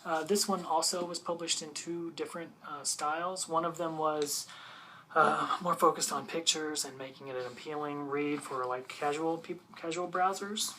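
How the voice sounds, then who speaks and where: A person doing an ASMR role-play as a patient, bookish librarian, softly and hesitantly explaining books to a visitor in a unhurried library soft voice. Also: medium pitch, fairly even intonation, slight background noise, poor audio. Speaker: librarian showing gardening books.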